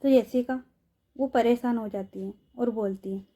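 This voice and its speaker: High-voiced woman narrating a story. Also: unhurried, dark tone. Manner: conversational, repetitive retelling.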